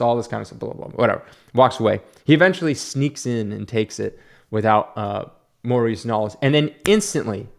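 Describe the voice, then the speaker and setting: A man giving a casual, ranting film review in an exasperated, mocking way. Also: medium pitch.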